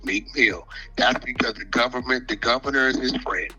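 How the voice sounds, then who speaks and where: Bright-voiced guy hosting an audio chat, slangy and emphatic, faint music behind. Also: medium pitch, normal speed, rough recording. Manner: emphatic, slangy, hype shout-outs. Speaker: online audio room host. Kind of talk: casual hype chat.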